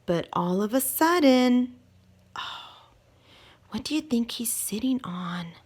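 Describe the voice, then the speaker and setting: Reading a picture book aloud to children, a woman stretches out key words and asks her listeners questions. Her voice sits on the higher side, with a breathy edge, and she takes her time.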